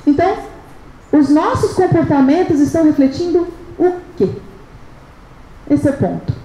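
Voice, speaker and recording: A woman with a Brazilian accent lectures an audience in a high, mellow voice. She keeps throwing rhetorical questions at the crowd and checks in with them as she goes. Her voice rings around an echoey hall with a faint hum of noise behind it. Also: moderate pace. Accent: Brazilian Portuguese. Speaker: speaker at a leadership event.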